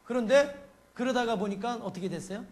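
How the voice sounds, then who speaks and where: A man's voice: extremely high pitch, fairly quick. A male pastor from South Korea preaching a sermon, telling a homely story and peppering the congregation with rhetorical questions.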